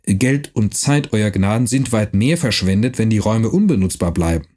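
A man's voice: lowish voice, expressive, normal speed, dark tone. A man voicing a court official who speaks with stiff, elaborate courtly formality. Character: stiffly polite male court official, exasperated.

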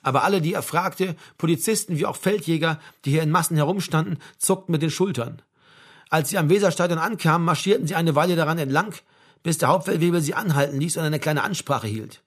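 A man reads a novel aloud in a calm, measured narration. His voice sits a little higher than most men's. The delivery stays steady throughout. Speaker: audiobook narrator. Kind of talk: scripted narration.

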